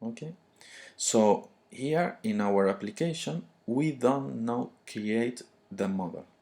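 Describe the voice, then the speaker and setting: A man with a thick foreign accent giving an unscripted tutorial, halting and often searching for words. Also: medium pitch, gravelly, mellow. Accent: thick foreign, non-native English. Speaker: programming tutorial presenter.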